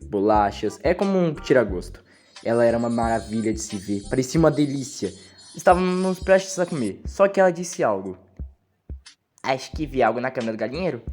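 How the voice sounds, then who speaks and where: A young man with a Brazilian Portuguese accent tells a first-person storytime in a dub, racing through his lines. His delivery is animated and his voice sits at an ordinary middle pitch. Soft music plays quietly underneath. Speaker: fan dubber narrating a storytime. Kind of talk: dubbed storytime narration. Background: faint background music.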